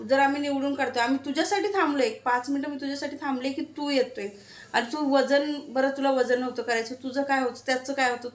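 A woman with a high, bright-toned voice tells a personal story straight to her audience. She speaks in a casual, indignant way, venting her annoyance and acting out short bits of dialogue in another tongue. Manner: indignant, vents about a quarrel, mixes in quoted Hindi. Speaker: vlogger.

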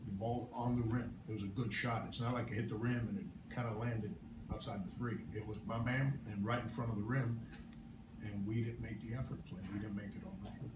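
A man's voice: lowish voice, fairly even intonation, a little fast. A middle-aged man, a head coach, bluntly breaking down a loss at a post-game press conference, speaking into a table microphone. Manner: blunt, emphatic self-critique. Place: press room, seated at a table. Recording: echoey room, distant mic, noisy.

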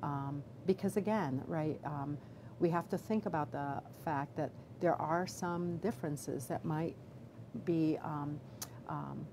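A middle-aged woman obstetrician gynecologist answering questions in a live video Q&A, measured and full of fillers and restarts. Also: low voice. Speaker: obstetrician gynecologist, chief medical officer. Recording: background noise.

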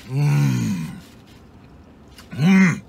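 A man's voice: sing-song, extremely slow, vocal fry, a little mellow. A young man reviewing food in a casual, joking way, talking while chewing with his mouth full in a parked truck. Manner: loose and joking, low-key asides. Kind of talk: casual vlog monologue.

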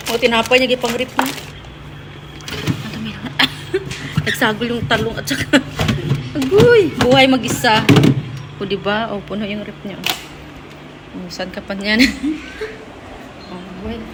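A woman's voice: a little high, heavy background noise. A woman vlogger giving a teasing, playful house tour, laughing often as she chats.

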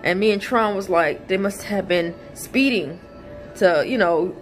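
A chatty woman with a medium-pitched voice and measured pace hosts a home vlog, talking casually to viewers and repeating "you guys." Faint music plays in the background.

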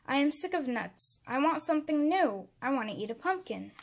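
A woman's voice: sits high, sing-song, normal speed, creaky, noisy background, heavily acted. A woman voicing a hungry, grumpy male squirrel in a children's storybook, whiny and scheming. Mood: grumbling.

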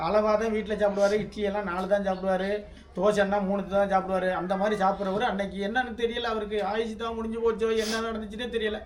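High quick-talking man, off-mic. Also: level tone. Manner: plain storytelling with frequent restarts. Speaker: family food channel vlogger. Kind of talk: recounting a family death to viewers. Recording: voice a bit far from the mic.

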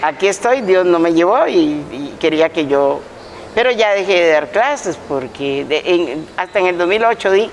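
An older woman, a retired teacher telling stories as a guest in a casual interview, chatty and lively, often restarting her words. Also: lowish voice, moderate pace, a little hiss or hum, poor audio.

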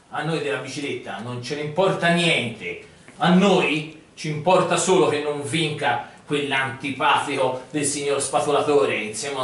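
A man's voice: a little high, a bit bright. A middle-aged man playing a fussy, competitive neighbour in an amateur comedy sketch. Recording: very echoey room, far from camera mic.

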